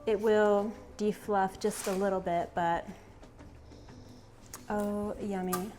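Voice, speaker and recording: A woman hosting a casual cooking vlog in her home kitchen, soft-spoken and savoring each bite. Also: mid-range voice, little pitch movement, slow pace, faint music behind.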